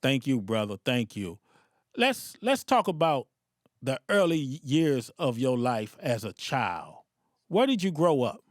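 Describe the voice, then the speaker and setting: A man hosting an interview podcast, talking in an emphatic, animated street-talk manner. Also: medium pitch, unhurried, no room sound, clean studio sound. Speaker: podcast host.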